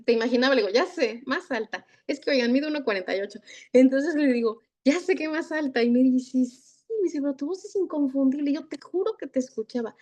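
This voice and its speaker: A woman's voice: sits high, mellow. A Mexican woman giving a masterclass as a thanatologist, telling stories and acting out the dialogue. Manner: acts out dialogue, tag questions. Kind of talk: storytelling lecture.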